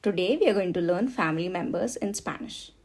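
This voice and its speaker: Fairly quick and a little mellow, her voice sits on the low side. The woman, from India, gives a slow beginner Spanish lesson and patiently repeats each word twice for learners.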